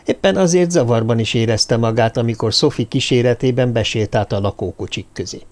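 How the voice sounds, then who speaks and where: A man's voice: mid-range voice, darkish tone. Man narrating an audiobook. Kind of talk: scripted narration.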